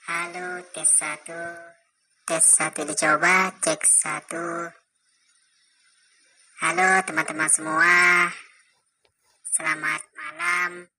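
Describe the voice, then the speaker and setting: Man run through a chipmunk voice filter. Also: music in the background. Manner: flat mic-check counting, slow and even. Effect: chipmunk voice filter, pitched up. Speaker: tutorial presenter. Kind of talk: test recording played back through a voice-changer app.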